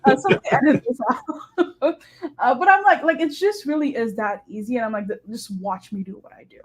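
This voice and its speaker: Speaking at a moderate pace in a voice that sits high, a young adult woman appears as a guest on a live-streamed interview. She's a short-term rental host and hotel manager, and her casual, upbeat chatter is full of "like" and "um."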